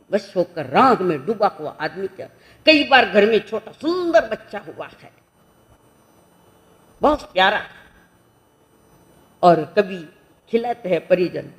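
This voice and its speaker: Jain nun delivering a lively sermon; woman, vivid storyteller who voices village folk in dialect. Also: medium pitch, takes it slowly, long pauses.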